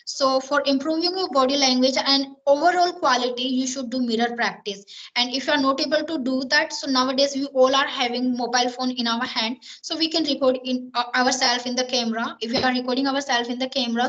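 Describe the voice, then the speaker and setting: A woman with an Indian accent, an English learner giving steady advice in a casual practice conversation. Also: high-pitched. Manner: steady, advice-giving, non-native grammar. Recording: dull lo-fi call audio.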